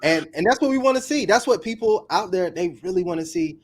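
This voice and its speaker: A man with a fairly high-pitched voice talks casually as a guest coach. He speeds up and gets animated when an idea excites him. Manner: energetic, fast bursts of enthusiasm. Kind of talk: casual interview talk.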